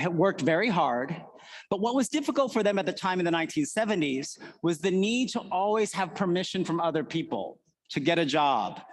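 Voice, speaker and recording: Man in his forties, high-pitched, earnest conference keynote speaker telling personal stories. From United States. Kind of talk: prepared keynote talk.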